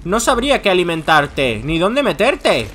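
Young gamer dude, super animated and theatrical, bright voice, faint hum behind. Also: male voice, sits high, normal speed. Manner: animated, theatrical, calls his brother "hermanito". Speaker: gaming YouTuber. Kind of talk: playful gameplay banter.

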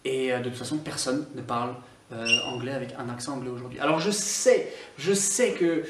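A man's voice: medium pitch, a little fast, distant mic, heavy background noise. Scottish man ranting playfully, roomy echo. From Scotland. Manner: teasing, mock-ranting, with many fillers and restarts. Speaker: online English teacher. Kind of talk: opinionated vlog to camera.

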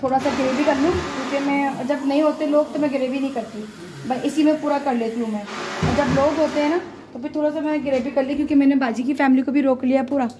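Vlogger woman, high voice, playfully dramatic, home kitchen. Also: fairly even intonation, fast talker, background noise. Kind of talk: casual home cooking vlog. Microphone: phone camera.

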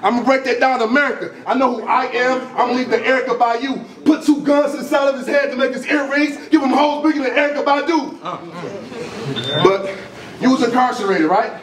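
Male battle rapper, young adult, very high pitch, aggressive boastful a cappella bars, picked up from a distance in a busy room. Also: a little fast. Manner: confrontational, boastful, repeats lines for emphasis; projected, animated delivery while pacing and gesturing. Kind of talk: a cappella battle rap performance. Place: small crowded indoor room. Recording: echoey room, distant camera mic, crowd reacting.

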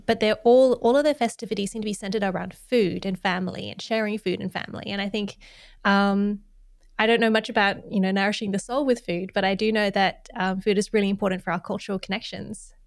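A woman's voice: medium pitch, steady tone, fast talker, vocal fry, no room sound. A woman in her thirties hosting a podcast at a studio microphone, friendly with ums. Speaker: podcast host. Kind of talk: podcast interview. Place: small studio room. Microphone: studio mic on boom arm, headphones.

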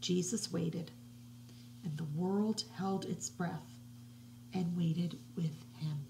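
A middle-aged woman reading a picture book aloud to children from her living room, slow and hushed with soft whispery passages, recorded on a webcam. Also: lowish voice, creaky, slight background noise, low-quality recording. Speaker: children's religious educator. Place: living room at home, indoors. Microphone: webcam at desk distance.

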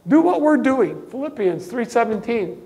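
An older man, a pastor preaching a sermon, emphatic, dropping to quiet asides and rising to loud exclamations. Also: very high-pitched, sing-song, normal speed, vocal fry, long reverb tail.

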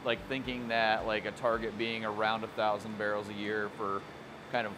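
A man's voice: fairly low pitch, level tone, normal speed, background noise. A man in his thirties, a brewery co-owner, talking casually and a bit hesitantly, with many fillers. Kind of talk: casual on-camera explanation. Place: brewery taproom and brewhouse. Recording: music playing behind.

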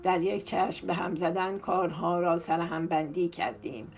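A woman reading as a brisk, hard-working old mother. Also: lowish voice, steady tone, gravelly, soft background music. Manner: brisk, briefly gentle. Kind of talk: audiobook character reading.

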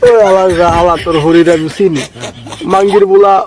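Man acting a grumbling, high-pitched Bangladeshi drinker. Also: fairly even intonation, a little fast, close to an everyday voice. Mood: complaining. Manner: complaining, crude. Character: grumbling, foul-mouthed drinker in a group of friends. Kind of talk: amateur comedy skit acting. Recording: loud music over dialogue.

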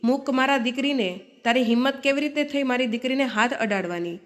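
A meek, elderly mother, read by a woman storyteller, with a tearful, pleading way of speaking in a family storybook tale. The voice stays somewhat high, near the reader's own. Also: a little fast, natural voice.

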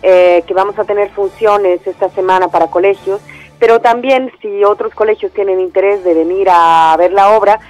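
Over a muffled phone line, an Andalusian woman who runs a theatre company gives a phone interview, her Spanish accent carrying a Mexican tinge. Her mid-range voice is steady and a little mellow at a normal pace, with soft music in the background. She sounds eager, often using fillers and starting sentences over.

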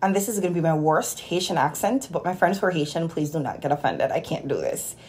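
A Jamaican nurse vlogger in her twenties tells a work story in a casual vlog, her low voice moving at a quick pace. She recorded it in a small room at home on a phone held at arm's length, and her storytelling is animated and exasperated.

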